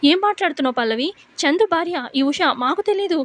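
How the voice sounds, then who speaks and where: Brief: woman playing flustered young men, sheepish, raised pitch. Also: expressive, a little fast. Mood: apologetic. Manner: defensive, then apologetic. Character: group of young male students, apologetic.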